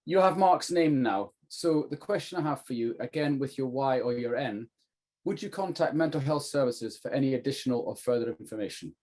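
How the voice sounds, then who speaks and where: A man's voice: medium pitch, fairly quick, a little mellow. A middle-aged man explaining things as a trainer, in an informal lecture style with emphatic rhetorical questions. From UK, northeast England. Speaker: trainer, former police officer.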